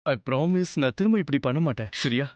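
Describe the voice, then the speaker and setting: A man's voice: medium pitch, expressive, fairly quick, a little mellow, dry recording, highs cut off, lightly acted. An actor playing a playful young husband in a TV drama, coaxing and teasing his wife with affection. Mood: teasing, tender. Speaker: romantic male lead in a TV serial. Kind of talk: television soap drama.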